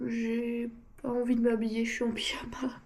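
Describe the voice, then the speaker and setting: A woman's voice: on the high side, completely flat delivery, moderate pace, darkish tone. A woman vlogging casually, sounding tired and sick with a blocked nose and sore throat from a cold. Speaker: small business vlogger. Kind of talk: casual vlog chat to viewers.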